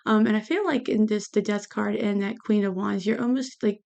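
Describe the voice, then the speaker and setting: A woman gives a casual tarot reading, lisping because of lingual braces, hesitant and meandering as she repeats "you know." Her medium-pitched voice is steady, brisk and a little mellow, with vocal fry, and the sound is lo-fi.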